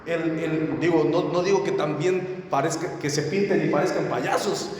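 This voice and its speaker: A man's voice: on the high side, moderate pace, a little hiss or hum. Guy preaching, keeps asking the crowd stuff, super echoey room. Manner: animated, asks the audience questions. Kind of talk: sermon. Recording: echoey church hall.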